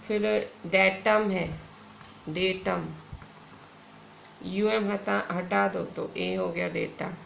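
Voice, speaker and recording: Slow indian lady teacher, bit of fry in her voice, roomy echo, faint hum behind. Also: medium pitch, steady tone. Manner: slow, patient explaining with frequent "theek hai". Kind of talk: online grammar lesson. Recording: echoey room with faint ambience.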